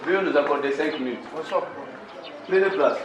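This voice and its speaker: A man's voice: fairly high pitch, normal speed, background noise, natural voice. A man playing a polite mediating elder. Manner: polite, formal, soothing. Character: calm neighborhood elder acting as mediator. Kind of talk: amateur film acting. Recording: roomy, distant, with music.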